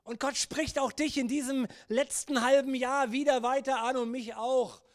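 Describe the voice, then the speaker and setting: A pastor preaching a church sermon in an earnest, urging way, dropping low and soft when he speaks God's words. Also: steady tone, normal speed. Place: church service.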